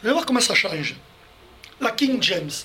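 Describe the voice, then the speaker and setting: A man's voice: high-pitched, sing-song, moderate pace, bright, forceful tone, a little hiss or hum. A man leading a Bible study, explaining verses step by step and speaking directly to his listeners. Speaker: Bible teacher. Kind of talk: Bible study teaching to a group.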